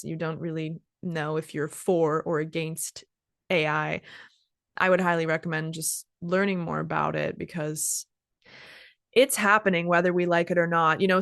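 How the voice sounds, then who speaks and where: Speaking in a low, slightly bright voice, this twenty-something English teacher hosts a relaxed podcast conversation. Her talk is full of "like" and "kind of," and she stops now and then to explain words. The recording is dry and studio quality.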